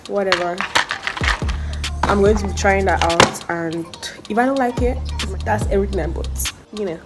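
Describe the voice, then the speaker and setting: A woman's voice: mid-range voice, normal speed, over loud music. A woman chatting bluntly while unboxing things at home, swearing casually. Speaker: vlogger.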